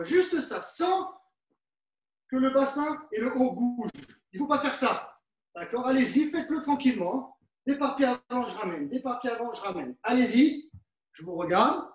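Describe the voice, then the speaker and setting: Man, very high voice, fencing coach, middle-aged, coaxing, instructive, demonstrating while moving. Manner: coaxing, instructive, sprinkles "hein". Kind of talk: live online workout class.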